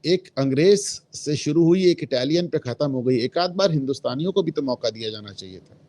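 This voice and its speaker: A man's voice: on the high side, expressive, fairly quick, mellow. A man speaking as a guest in a political discussion, emphatic and opinionated, dropping English phrases into his talk. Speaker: guest commentator.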